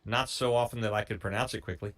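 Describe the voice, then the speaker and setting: A man co-hosting a music reaction show, chatting in an easygoing, measured way and telling stories about the band. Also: fairly low pitch, fairly even intonation, a bit bright. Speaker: show co-host picking the music. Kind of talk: casual chat.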